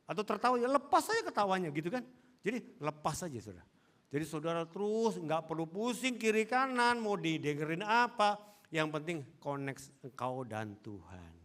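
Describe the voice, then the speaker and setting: A man's voice: a little high, big pitch swings, moderate pace, a bit bright. A man from Indonesia preaching a sermon as pastor, exhorting and asking the congregation questions. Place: church hall.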